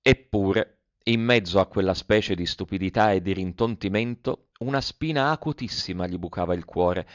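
A man's voice: low voice, moderate pace, dry recording. Man reading a storybook aloud. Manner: expressive storytelling, voices the characters. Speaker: narrator. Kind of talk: audiobook reading of a classic tale. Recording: dry, slightly dull recording.

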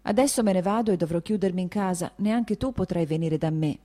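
Woman voicing a gentle, insistent older sister. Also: fairly low pitch, fairly quick, voice pushed up, close to an everyday voice. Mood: earnest.

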